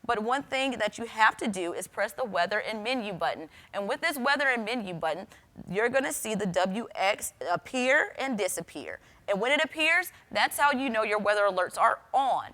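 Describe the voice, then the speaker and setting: Talking straight to the viewer, a female weather forecaster walks through a how-to product demo. She speaks at normal speed with a fairly high, fairly bright voice and lively intonation.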